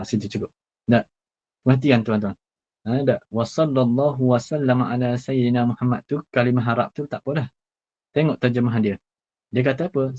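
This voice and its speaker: A man's voice: medium pitch, warm tone, breathy edge, highs cut off. A man with a Malaysian Malay accent teaching a religious class, explaining patiently, repeating words to drill pronunciation and checking in with the listeners.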